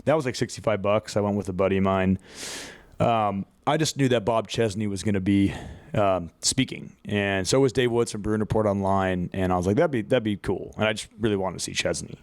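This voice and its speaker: A young man hosting a laid-back sports podcast, his voice sitting a little low. He rambles through long stories, drops casual swears and laughs partway through sentences. The sound is close and dry, with no room around it. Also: a little fast, dry recording. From USA. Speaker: podcast host.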